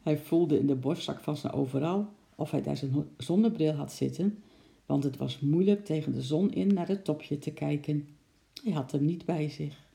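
A woman reading a children's story aloud in a steady storytelling manner. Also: deep voice, moderate pace, vocal fry.

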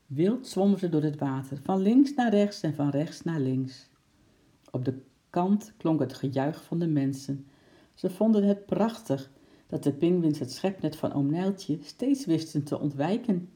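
A male narrator reads a children's story aloud in a lively storytelling style, slipping into different voices for the characters. His voice is a little high, and he reads a little slowly.

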